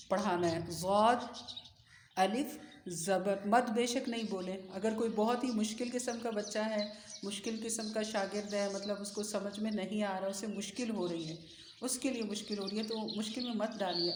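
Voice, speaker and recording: A woman teaching Qur'an reading, spelling out letters in slow, drawn-out drills and explaining the method to other teachers. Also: medium pitch, fairly even intonation. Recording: echoey room with faint noise.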